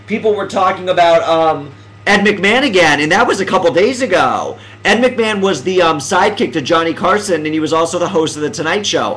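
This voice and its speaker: A man with a high, light voice hosts a casual live stream, talking to viewers. He rambles and restarts his sentences, jumping from excitement to emotional reflection. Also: poor audio. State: emotional, close to tears.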